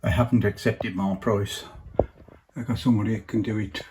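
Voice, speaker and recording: Male electrician, lower register, chatty on-the-job narration, noisy site recording. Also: fairly even intonation, moderate pace. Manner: casual, thinking aloud while working. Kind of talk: work vlog narration.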